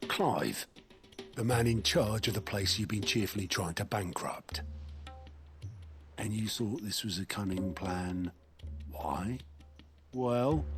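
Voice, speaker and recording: An actor playing a stern, exasperated manager in a video game, with a dry, cutting delivery. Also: male voice, fairly low pitch, close to an everyday voice. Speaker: game character.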